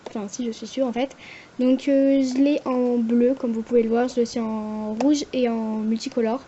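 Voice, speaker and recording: A woman's voice: on the high side, little pitch movement, moderate pace, dark tone, muffled recording, a little hiss or hum. A young woman casually reviewing her favorite nail products, chatty and hesitant, with lots of fillers. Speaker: nail art vlogger.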